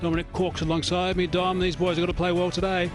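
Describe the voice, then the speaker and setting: A man's voice: high voice, level tone, quick pace, music in the background. Upbeat male cricket commentator. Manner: upbeat, chatty match intro. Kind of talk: live match commentary.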